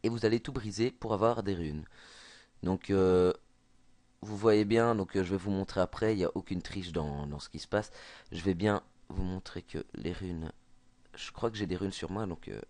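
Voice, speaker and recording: This low, darkish male voice moves at normal speed with no echo. He's a gaming tutorial maker with a Belgian French accent, explaining a game trick over a screen recording while hesitating, using lots of fillers and restarting often.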